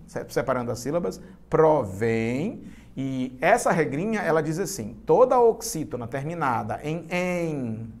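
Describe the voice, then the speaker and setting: Lively Brazilian male teacher. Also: fairly high pitch. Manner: animated, chatty, addresses students directly. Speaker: Portuguese teacher for exam prep. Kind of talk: live online grammar lesson.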